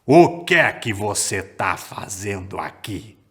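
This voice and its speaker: A crowd of huge, dim giants in a storybook tale , put on by a man storyteller. They speak slowly and heavily, pitched lower than the narrator and drawn out. The voice is loud but dull-witted. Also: very animated. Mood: slow booming. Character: huge booming male giants, slow and dim.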